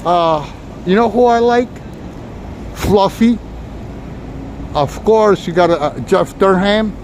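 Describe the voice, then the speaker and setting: On a busy city street, a man with a high, darkish voice strolls along at a slow pace, giving his viewers a chatty, rambling walking tour. The noisy recording is full of passing traffic.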